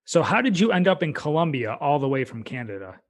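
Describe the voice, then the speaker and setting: Slightly high, sing-song and brisk, this man's voice belongs to a U.S. podcast host in a casual interview chat. He comes across friendly and easygoing, full of fillers and restarts.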